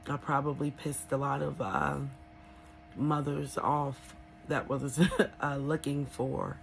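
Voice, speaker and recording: A woman talking casually and candidly in an unscripted personal vlog, rambling a little with hesitant pauses. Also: rumbling low, a little hiss or hum, poor audio. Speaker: vlogger sharing a recovery experience.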